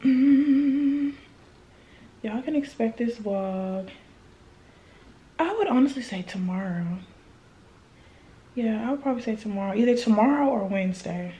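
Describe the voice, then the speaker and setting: A woman's voice: a little high, animated, measured pace, pauses often, warm tone. Chatty young woman vlogging at home. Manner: chatty, drops to a near whisper at times. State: a bit out of breath. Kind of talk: casual vlog chat. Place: a relative's house, indoors. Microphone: handheld camera.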